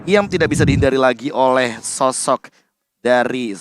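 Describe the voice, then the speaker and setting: A man's voice: mid-range voice, moderate pace, very noisy. A man giving analytical esports commentary, explaining play in long unbroken sentences.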